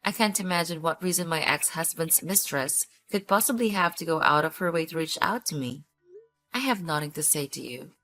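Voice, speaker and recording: A woman's voice: low voice, lively intonation, a little fast, sharp tone, faint music behind, heavily acted, low-quality recording. A woman acting a cool, sarcastic betrayed ex-wife in a scripted story, speaking in a cold, curt, dry manner. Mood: icy cold.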